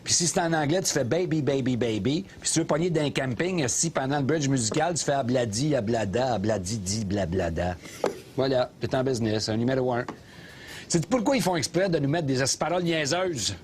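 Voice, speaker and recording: An actor with a Québécois accent playing a loud, opinionated middle-aged taxi driver who rants and mocks sarcastically, in a comedy sketch filmed inside a cab. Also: male voice, a little high, brisk, slight background noise, natural voice. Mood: ranting. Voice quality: sarcastic ranting, mocking.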